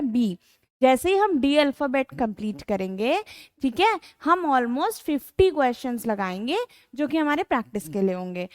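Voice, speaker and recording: High-voiced Indian woman teaching vocabulary. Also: no echo, studio quality. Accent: Indian English. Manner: Hindi-English code-mixing, addresses students as beta; rhetorical questions with "है ना?" tags. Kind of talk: online exam-prep class.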